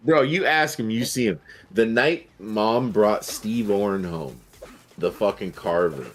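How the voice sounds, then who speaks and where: A man's voice: on the low side, a little slow. Profane storytelling man in his forties. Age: 40s. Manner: profane, rambling storyteller who acts out voices. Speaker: streamer. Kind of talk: casual chat while gaming.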